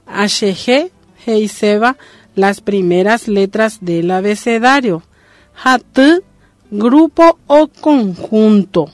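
A woman's voice: mid-range voice, no echo. A woman student presenting a lesson, reading explanations from her notes. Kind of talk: class presentation.

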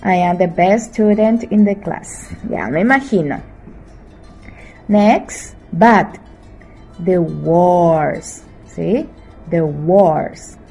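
Slow, mellow woman teaching English. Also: on the low side, husky, faint music behind, rough recording. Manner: checks in with frequent "¿sí?"; slow English examples, quicker Spanish explanations. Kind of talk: bilingual grammar lesson.

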